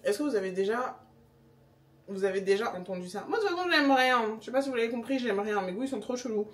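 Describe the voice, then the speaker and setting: A young woman of Senegalese background chatting casually to her camera at home, animated and wry about food and her day. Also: on the high side, fast talker, distant mic. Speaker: vlogger. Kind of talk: casual vlog chat. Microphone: handheld pocket camera.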